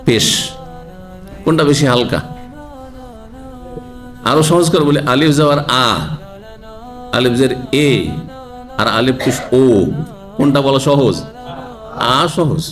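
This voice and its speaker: A man, an Islamic scholar giving a religious lecture who explains and asks the audience rhetorical questions. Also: mid-range voice.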